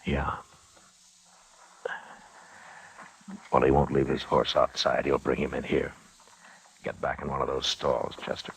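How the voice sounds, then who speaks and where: An actor playing a stern, world-weary middle-aged American frontier marshal, terse and grave, in a 1950s radio western. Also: male voice, rumbling low, monotone, normal speed, vocal fry, slightly rough, exaggerated voice, low-quality recording. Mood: terse, watchful.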